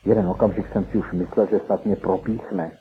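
A man reads a first-person story aloud as audiobook narration, telling it in an earnest, dramatic way. His low voice stays steady over a tinny lo-fi recording with a little hiss or hum.

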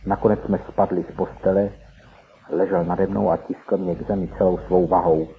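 Low-voiced man narrating on a tinny recording. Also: fairly even intonation, a little hiss or hum. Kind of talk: first-person audiobook narration.

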